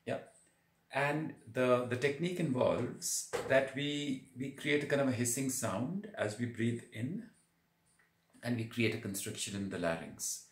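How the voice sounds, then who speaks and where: A man giving a spoken yoga breathing lesson, explaining in a halting, deliberate way with repeated words. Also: mid-range voice, animated. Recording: roomy echo on the voice.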